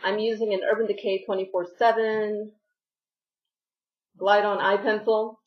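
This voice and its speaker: A woman's voice: medium pitch, flat delivery, a little slow, muffled recording. Woman narrating a makeup tutorial. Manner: friendly step-by-step instructions. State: slightly losing her voice. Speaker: beauty vlogger.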